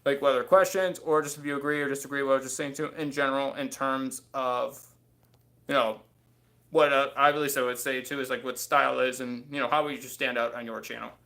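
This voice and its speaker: A gravelly, sharp, medium-pitched voice moves fairly quickly with fairly even intonation as a man in his thirties hosts a casual livestream. Sitting in a small bedroom close to his desk webcam, he rambles, leaning heavily on fillers and the word "too."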